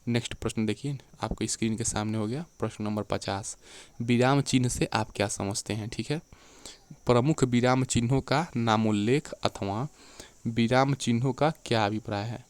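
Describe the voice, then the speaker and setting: A man teaching an exam-prep lecture, often checking in with his students and slowing down to read definitions and examples aloud. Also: medium pitch. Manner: keeps checking in with "theek hai" and "dekhiye".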